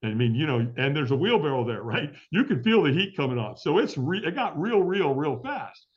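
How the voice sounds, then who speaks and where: Appearing as a guest on an interview show, a middle-aged man tells a story with lots of energy, playing out what people said to him and laughing often in a vivid manner. His voice sits a little high, with big pitch swings, and he talks a little fast. The recording sounds dull and lo-fi.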